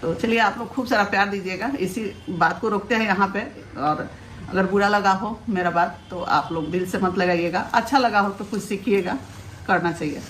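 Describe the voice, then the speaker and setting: A woman's voice: mid-range voice, moderate pace, slight background noise. Earnest fifty-something woman giving family advice. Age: 50s. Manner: earnest, advice-giving, with a steady homely cadence. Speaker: family vlogger, mother-in-law. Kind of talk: casual vlog talk to viewers.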